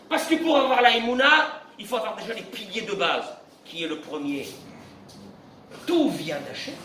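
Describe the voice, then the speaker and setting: Animated rabbi preaching in an echoey room. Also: male voice, very high-pitched, far from the mic, a little hiss or hum. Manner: animated, acts out dialogues, bursts into shouts. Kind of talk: sermon.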